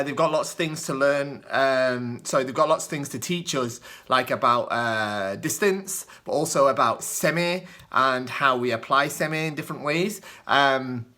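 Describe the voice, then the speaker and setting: This young kendo channel host, from northwest England, has a soft northern accent mixing Lancashire and Yorkshire, and a bright, forward, mid-range voice. He answers viewer questions in a casual, unscripted Q&A, hesitating a lot with ums and uhs and frequently laughing lightly at himself.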